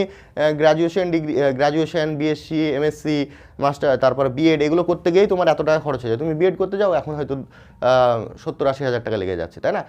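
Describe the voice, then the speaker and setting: A man's voice: fairly high pitch, a little mellow. A man from West Bengal with a Bengali accent, teaching students in an informal explainer. He keeps checking in with them and often restarts his phrases. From West Bengal, India. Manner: informal, repeats "ঠিক আছে?" to check understanding, frequent fillers and restarts. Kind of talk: explainer lesson addressed to students.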